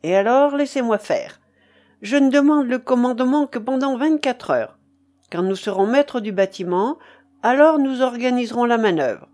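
A woman reading the part of a bold male sailor leading a mutiny, in a forceful, rallying way. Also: on the high side, lively intonation, normal speed, close to an everyday voice. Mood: commanding.

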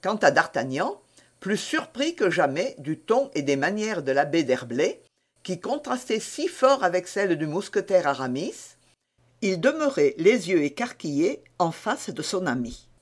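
A reader narrating a classic adventure novel in an expressive way. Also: unhurried. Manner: expressive, varied pitch.

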